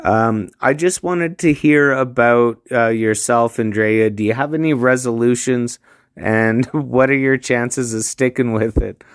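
A man from Canada leaving a friendly, relaxed voicemail for a podcast. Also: mid-range voice, unhurried, no echo, clean studio sound. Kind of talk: casual voice message.

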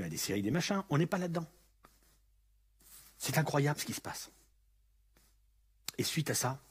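A man preaching a sermon as a pastor, animated, acting out the voices of the story. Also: mid-range voice, slightly rough. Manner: animated, acts out the story's speakers.

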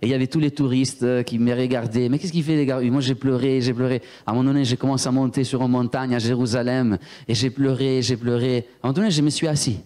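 An animated preacher from Italy, a native Italian speaker, delivers a sermon with personal testimony. He talks fast at a medium pitch, acts out voices as he tells stories, and speaks directly to the congregation.

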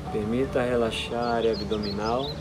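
A man with a Brazilian accent leading a guided relaxation meditation, speaking calmly and soothingly in short, spaced-out instructions. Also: mid-range voice, normal speed, heavy background noise. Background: music behind the voice.

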